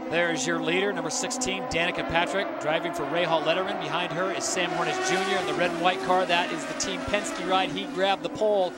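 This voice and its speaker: A man's voice: high-pitched, fairly even intonation, brisk, hardly any pauses. A man working as lead motorsport commentator, calling live race play-by-play in an announcer's manner. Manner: announcer-like, calling positions and car numbers. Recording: loud race car engine noise behind. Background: race cars and outdoor track noise.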